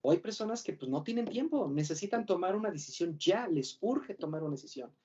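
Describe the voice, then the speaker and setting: Mexican guy doing a mock lecture as the profe, rambly, keeps correcting himself, mellow voice, kinda muffled lo-fi audio. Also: sits high, expressive, brisk, slight background noise. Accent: Mexican Spanish. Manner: rambling and self-correcting, with rhetorical questions. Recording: dull lo-fi recording.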